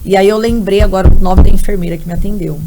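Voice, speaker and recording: A woman in her thirties co-hosting a casual chat, telling an emotional personal story with lively acted-out quotes and tearful laughter. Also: medium pitch, quick pace, music in the background. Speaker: podcast co-host. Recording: noisy background.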